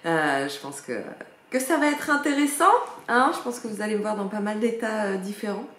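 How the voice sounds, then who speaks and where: A woman's voice: medium pitch, expressive, a little fast, fairly bright tone. A young woman, chatting casually in a fitness vlog from home and listing things with many fillers. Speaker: fitness vlogger. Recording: roomy echo, faint background ambience.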